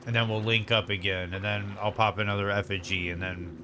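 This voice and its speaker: A man casually commenting on his video game stream in a rambling, relaxed way, eating lunch as he talks. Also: lowish voice, a little fast, slight background noise. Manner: rambling, relaxed, lots of fillers. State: eating while talking.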